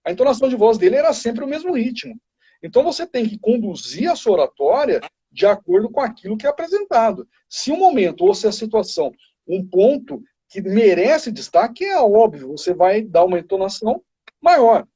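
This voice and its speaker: Um advogado brasileiro convidado numa live, explicando de forma enfática e didática. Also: male voice, sits high, sing-song, brisk, warm tone, husky. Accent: Brazilian. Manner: emphatic, explanatory. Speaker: guest criminal lawyer. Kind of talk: live video chat. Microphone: video call. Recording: lo-fi livestream audio.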